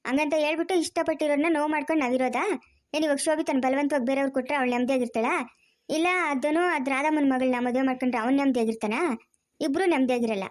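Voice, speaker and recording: A woman voicing an insistent grown daughter, high and fast. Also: fairly even intonation, a little mellow, close to an everyday voice. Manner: pleading, insistent, fast-talking. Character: argumentative grown daughter in a family quarrel. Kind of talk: cartoon family drama dubbing.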